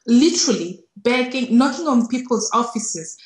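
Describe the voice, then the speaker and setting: Speaking through an earphone headset on a video call, this middle-aged woman with a Kenyan accent, raised in Nairobi, recounts her life reflectively as an interview guest and repeats words for emphasis. Her voice is a little high with lively intonation at a moderate pace, and the small indoor room gives the call an echoing, roomy sound.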